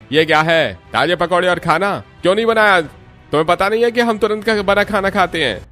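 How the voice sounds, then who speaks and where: A man voicing an entitled, demanding adult son in a cartoon, loud and indignant. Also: high-pitched, brisk, soft background music. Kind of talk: cartoon voice acting.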